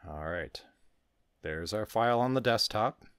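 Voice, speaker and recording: A man narrating a screen-recorded software tutorial, calmly walking through each step. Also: lowish voice, a little slow, clean tone, no room sound, studio quality. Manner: calm step-by-step instruction. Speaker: tutorial host.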